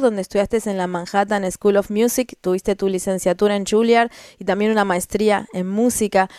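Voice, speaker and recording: A woman's voice: mid-range voice, darkish tone, smooth, no echo, clean studio sound. A woman hosting a community radio talk show, speaking with many fillers and restarts. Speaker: radio host.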